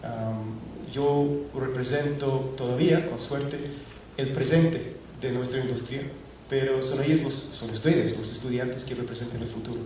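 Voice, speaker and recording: A middle-aged man from Scotland, speaking at a conference, explains a technical topic to a full auditorium a little slowly, his mid-pitched voice slightly mellow. He frequently breaks off and begins again, padding with fillers. The distant mic catches heavy hall echo and a faint underlying hum.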